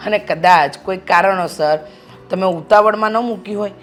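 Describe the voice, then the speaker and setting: A mother-in-law, played by a woman who lectures and reassures at length. Her voice is mid-pitched, with faint music underneath. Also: normal speed, close to an everyday voice. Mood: lecturing. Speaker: actor in a web drama.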